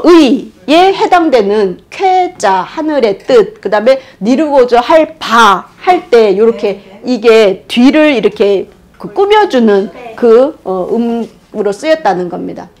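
Woman lecturer, high and very expressive pitch, animated, acts out sounds. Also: takes it slowly. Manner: animated, demonstrates pronunciations aloud, laughs often. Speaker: history lecturer. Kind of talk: explanatory lecture.

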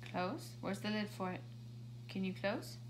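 A woman with a medium-pitched voice speaks unhurriedly while playing with a toddler on the carpet of her living room at home. She coaches the little one through play, patiently prompting basic words and good manners, and background noise can be heard.

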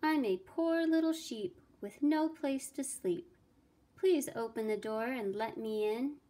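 A woman's voice: on the high side, unhurried, warm tone, close to an everyday voice. A woman voicing the sly, hungry big bad wolf of a fairy tale, wheedling and roaring in turn. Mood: sweetly coaxing. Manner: wheedling, coaxing, then roaring threats.

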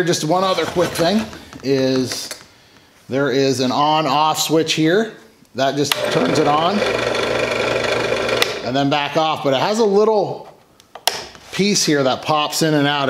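Middle-aged guy in his garage showing off a drill press, easygoing, talks it through step by step, faint hum behind him. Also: medium pitch. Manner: plain, unhurried, self-correcting explanations. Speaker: homesteading channel host. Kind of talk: casual tool demonstration. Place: home garage workshop. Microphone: camera mic off-screen, hands in frame.

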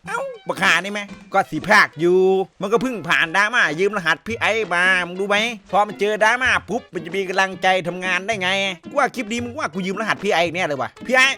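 Rapid, bright-voiced joking game streamer man. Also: high voice, expressive, faint music behind. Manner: rowdy, joking and crude, full of swearing and banter. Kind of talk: comedic gameplay commentary.

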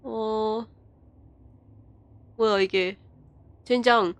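Excitable woman streaming a horror game. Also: on the high side. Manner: chatty, translates in-game text aloud as she plays; bursts of rapid repeated exclamations. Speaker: live streamer. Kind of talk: live horror game commentary.

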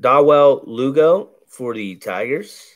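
With a calm, deep and bassy delivery, a card break host names every baseball card he opens. He keeps up a relaxed, slow play-by-play of casual commentary from an indoor table blanketed in cards.

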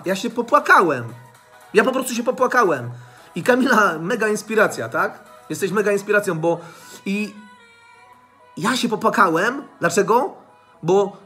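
A man's voice: high-pitched, sharp tone. A man giving a blunt motivational monologue to his channel, swearing freely and repeating his points over and over. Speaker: motivational vlogger.

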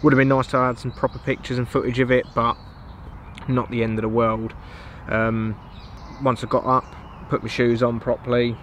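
A young English man vlogging by a lake from his fishing tent, talking in a relaxed, understated way to the camera mic. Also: mid-range voice. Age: young adult. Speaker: angler vlogger. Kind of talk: casual vlog narration. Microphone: camera mic, seated in front of camera. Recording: outdoor recording with clear ambient noise.

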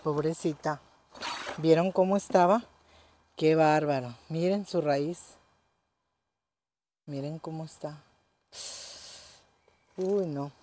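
A woman's voice: low voice, slow, pauses often, warm tone, slight background noise. A woman talking casually in a home gardening vlog, fussing tenderly over a plant and often telling viewers to look. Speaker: gardening vlogger.

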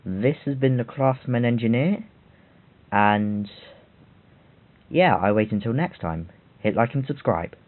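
A man's voice: medium pitch, expressive, unhurried, long pauses. A man giving rambling game walkthrough commentary with self-mocking asides. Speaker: game tutorial host. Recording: tinny phone-like audio.

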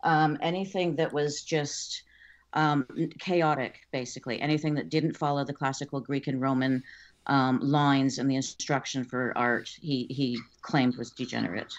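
A woman's voice: extremely low pitch, steady tone, moderate pace. A woman guest explains her subject in a loose, conversational interview. Her talk is full of ums and restarts as she works through her points. The audio is a bit dull and lo-fi, as if over a remote call. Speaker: guest expert on art crime.

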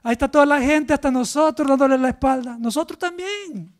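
A man delivers a sermon to his congregation in a church. His voice sits extremely high for a man, and he drives his points home with emphatic rhetorical questions. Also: fairly quick. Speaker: pastor.

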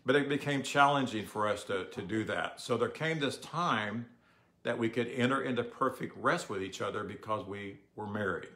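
An older man giving a relaxed, conversational sermon, often asking the audience questions. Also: lowish voice, normal speed. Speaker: pastor. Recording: echoey room.

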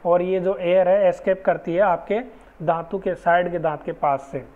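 A man teaching English phonetics in a slow, patient lecture, repeating each example word with care. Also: sits high, steady tone. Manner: patient, deliberate, repeats example words slowly. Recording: dull lo-fi recording.

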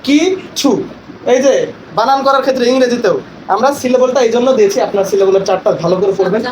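A man training teachers in a workshop, asking questions and spelling words aloud slowly. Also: extremely high pitch. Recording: echoey room with loud background noise.

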